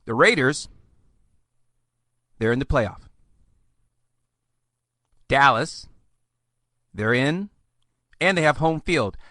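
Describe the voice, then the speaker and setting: A man's voice: medium pitch, animated, slow, long pauses, sharp tone, dry recording. Sarcastic, theatrical male podcast host. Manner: sarcastic, theatrical, mocking mock-outbursts. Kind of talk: sarcastic solo podcast rant.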